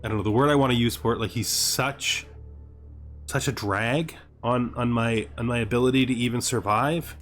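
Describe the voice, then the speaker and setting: Music runs behind a male gaming series host whose medium-pitched, slightly bright voice keeps a fairly even intonation at normal speed. He narrates gameplay casually, reasoning aloud through rhetorical questions and exasperated asides and sometimes reading out game text.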